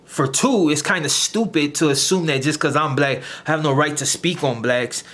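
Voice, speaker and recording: Speaking at a moderate pace with a fairly bright voice on the high side, this channel host delivers a direct-to-camera rant aimed at his critics. His lecturing, confrontational delivery is full of stumbles and repeated words while he hunts for the right ones.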